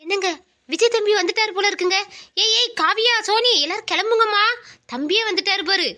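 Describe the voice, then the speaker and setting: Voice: extremely high pitch, a little fast, bright, forceful tone, pitched above the performer's own voice. A performer voicing a fussy older aunt in a cartoon skit, who hurries everyone along and scolds them. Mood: bustling, bossy. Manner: bossy, scolding.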